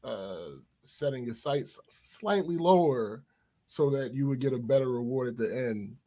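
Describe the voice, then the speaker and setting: A man's voice: medium pitch, animated, unhurried, mellow. A man co-hosting a casual podcast, explaining his point emphatically with many restarts. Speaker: podcast co-host.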